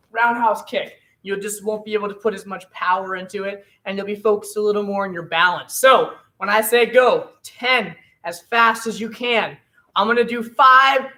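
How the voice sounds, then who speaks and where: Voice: mid-range voice, pushed and bright, far from the mic, poor audio. A martial arts instructor coaching an online class, upbeat and encouraging, calling out drills and counting down.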